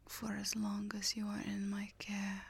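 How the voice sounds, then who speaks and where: Woman playing a furry coiled monster hostess, breathy whisper, slow and soothing, flat doting tone. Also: mid-range voice, no echo. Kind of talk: whispered ASMR roleplay.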